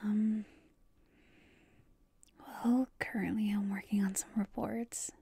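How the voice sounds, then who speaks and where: Breathy whispered role-play, tired girlfriend on late-night call woman acting. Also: medium pitch, little pitch movement, slow, warm tone, dry recording, full character voice. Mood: tired, sheepish. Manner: intimate late-night call to a lover, hesitant, teasing.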